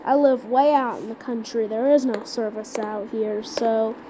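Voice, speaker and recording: On the high side with a steady tone, a woman improvises an amateur skit and mock emergency announcement for a homemade emergency scenario. She stalls and repeats words while searching for phrasing. Loud background noise fills the dull lo-fi recording.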